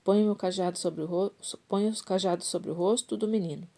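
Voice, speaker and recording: A woman's voice: medium pitch, steady tone, quick pace, dark tone, natural voice. A woman voicing an elderly male prophet in a read-aloud Bible story, with small restarts and self-corrections. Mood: calm instruction.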